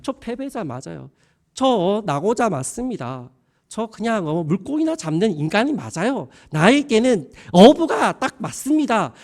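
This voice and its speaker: A man acting out a downcast disciple who calls himself a failure, in a high, lively voice. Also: moderate pace. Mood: dejected. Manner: self-deprecating, downcast confession. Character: Peter, a dejected fisherman disciple, man.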